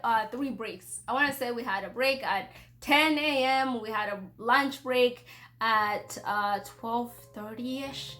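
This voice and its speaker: High-voiced young woman telling stories casually. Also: bright, forceful tone. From Congo, schooled in Kenya. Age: young adult. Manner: conversational, informal, playful asides. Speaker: vlogger sharing personal experiences. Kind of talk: casual storytelling chat.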